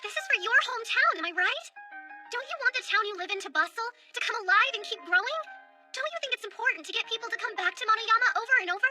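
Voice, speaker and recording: A woman's voice: very high-pitched, expressive, fast talker, over loud music. A woman voicing an earnest, eager young woman in an overacted anime dub, emphatic and polite like someone making a plea. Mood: pleading. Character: earnest, eager young woman leading small-town tourism revival.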